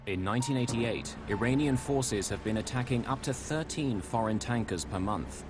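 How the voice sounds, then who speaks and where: A man's voice: medium pitch, moderate pace. A man reading dramatic scripted documentary narration as a voice-over. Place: voice-over recording. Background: music.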